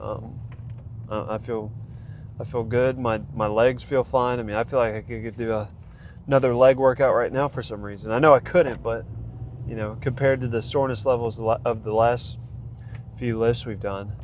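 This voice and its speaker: A man with a slightly mellow, medium-pitched voice speaks at a moderate pace with fairly even intonation. He's a congested vlogger giving a casual, rambling rundown of his training program, stumbling through fillers and restarts in a noisy outdoor recording.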